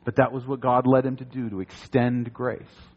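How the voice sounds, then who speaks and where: A man preaching a sermon in an animated, conversational way, with jokey asides. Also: medium pitch, moderate pace, lo-fi sound. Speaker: pastor.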